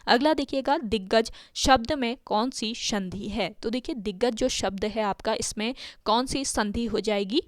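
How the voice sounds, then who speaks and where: A woman's voice: on the high side, measured pace, no echo, clean studio sound. A woman teaching an exam-prep grammar lesson, asking her own questions and answering them, spelling words out sound by sound. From India.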